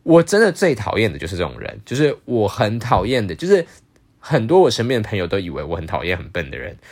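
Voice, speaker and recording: A man hosting a podcast monologue, explaining ideas in an exasperated, sarcastic lecturing way. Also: lowish voice. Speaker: podcast host.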